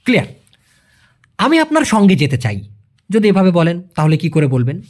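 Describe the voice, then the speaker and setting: Guy teaching a language lesson, voice jumps up and down a lot, repeats stuff slowly. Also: high voice, huge pitch swings. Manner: explains patiently, repeats phrases slowly, asks "clear?". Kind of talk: casual spoken language lesson.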